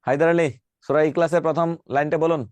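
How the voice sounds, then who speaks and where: A man's voice: fairly high pitch, steady tone, no room sound. Emphatic man teaching a class. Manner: emphatic, repeats key points, spells words out slowly. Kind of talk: classroom lecture. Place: classroom with students.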